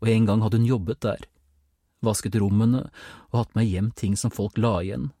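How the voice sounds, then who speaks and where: A man reads an audiobook in a calm, measured way. His low voice has a husky grain, and the close mic keeps it dry. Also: no room sound. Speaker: audiobook narrator. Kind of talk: scripted narration.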